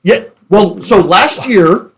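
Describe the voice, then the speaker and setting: A man's voice: sits high, animated, takes it slowly, fairly bright tone. A man hosting a casual discussion, explaining things in an informal, conversational way. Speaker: podcast host.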